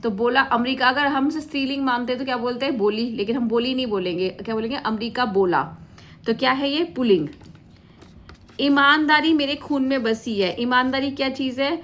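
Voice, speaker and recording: A woman's voice: high voice, brisk, fairly bright tone. A woman teaching a grammar lesson, patiently asking questions and answering them herself, calling her students "beta" as she works through examples. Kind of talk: classroom-style grammar lesson.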